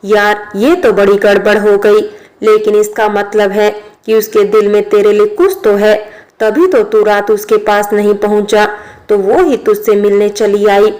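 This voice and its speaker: A casual young man, read by a woman narrator jokes and reassures his friend. He speaks in a flat, even tone throughout this storybook reading. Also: medium pitch, measured pace, close to an everyday voice, rough recording. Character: easygoing young man, joking best friend.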